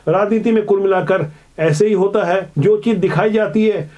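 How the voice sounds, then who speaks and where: A man presenting political news commentary in a measured, explanatory way. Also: high-pitched, darkish tone. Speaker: news anchor.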